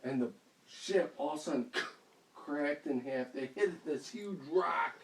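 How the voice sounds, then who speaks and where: A father with a fairly high voice and slightly slow delivery makes up a playful, meandering bedtime story at home, laughing often along the way. The recording sounds roomy and echoey, with the mic placed far away and a faint hiss.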